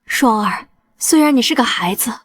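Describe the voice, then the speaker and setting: Brief: a falsely gentle wife, high soft voice, coaxing. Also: female voice, lively intonation, normal speed. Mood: false gentleness. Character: sweet-talking middle-aged wife, falsely gentle, scheming. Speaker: second wife. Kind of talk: dubbed costume drama acting.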